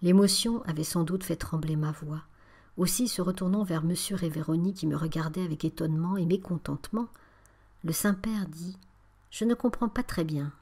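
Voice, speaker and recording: A woman narrating a spiritual memoir as an audiobook, in a calm, measured and often breathy reading. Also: on the low side.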